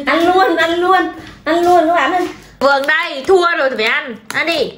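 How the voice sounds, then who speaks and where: A woman's voice: very high-pitched, normal speed. A woman chatting casually at a family eating challenge, playfully teasing and coaxing like a mother with small children. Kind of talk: casual family chat during a mukbang. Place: home kitchen, indoors. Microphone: camera across the table. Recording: echoey kitchen, clear background noise.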